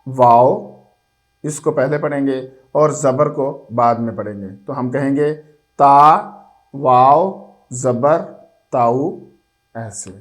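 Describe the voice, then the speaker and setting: Man teaching slow syllable drills. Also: mid-range voice. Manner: slow, drawn-out syllable-by-syllable reading of each letter drill. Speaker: Quran reading teacher. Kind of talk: recorded lesson on letter pronunciation.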